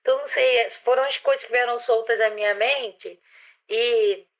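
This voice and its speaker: Brazilian woman, a little high-pitched, casual talk, halting and self-correcting. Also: fairly even intonation. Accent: Brazilian Portuguese. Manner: hesitant, searching for words, many restarts. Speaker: participant in a psychoanalysis online discussion. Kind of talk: casual reflective discussion.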